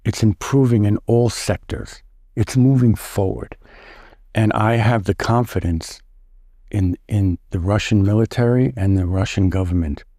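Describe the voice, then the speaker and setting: Middle-aged guy from the us, lowish dark voice, stops and restarts a lot, dry close sound. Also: dry recording. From United States. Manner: halting, with many restarts and repeated words. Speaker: interview guest. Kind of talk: casual interview answers.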